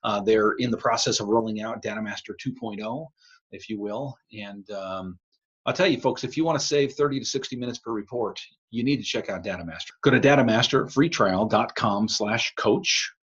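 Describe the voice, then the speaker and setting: A man's voice: lowish voice, normal speed, a bit bright, husky. An American man hosting a podcast in casual talk, with a tinny sound as if in a tin can, picked up by a laptop microphone. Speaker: podcast host. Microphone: laptop built-in microphone.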